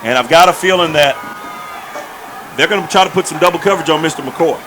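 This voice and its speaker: A man's voice: a little high, fast, noisy background. A man giving live football analysis as a colour commentator, in a folksy, explanatory way.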